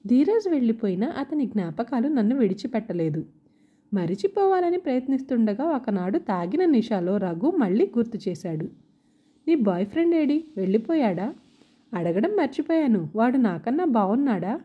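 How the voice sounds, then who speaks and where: Expressive woman reading a story, lo-fi. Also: fairly high pitch, husky. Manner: expressive reading that voices the other characters' lines. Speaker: narrator. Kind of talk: first-person audio story reading. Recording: dull lo-fi recording.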